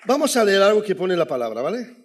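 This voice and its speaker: A man preaching as a guest in a church, telling his testimony in an animated way and calling out "amen" to the congregation. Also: high-pitched, quick pace, some chatter behind, slight background noise. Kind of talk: sermon with personal testimony.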